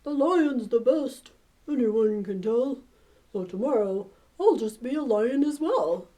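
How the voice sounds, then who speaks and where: A woman's voice: a little high, animated, measured pace, warm tone. A woman voicing a shy, restless male emu from a children's storybook, speaking simply in a childlike manner. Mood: declaring.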